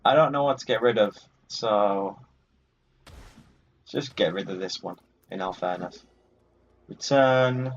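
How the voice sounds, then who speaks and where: Speaking slowly with long pauses, a man on the low side gives casual let's play commentary, joking and lightly swearing at the game's characters. He's a gaming video host. The lo-fi audio is muffled, with slight background noise and video game music.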